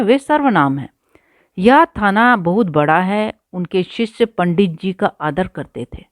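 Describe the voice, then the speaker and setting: Woman, teacher, unhurried lesson, dry close sound, patient repetition. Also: medium pitch, dry recording. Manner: patient, repeats words slowly for pupils. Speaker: Hindi teacher. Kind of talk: line-by-line textbook lesson.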